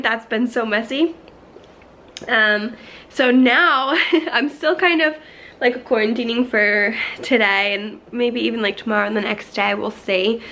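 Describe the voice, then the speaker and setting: A woman's voice: a little high, a bit bright. A young woman chatting casually through a tour of her small apartment, sounding a little worn from illness and slightly out of breath, with frequent fillers and light laughs. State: recovering from illness, slightly congested. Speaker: vlogger. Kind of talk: casual home tour vlog.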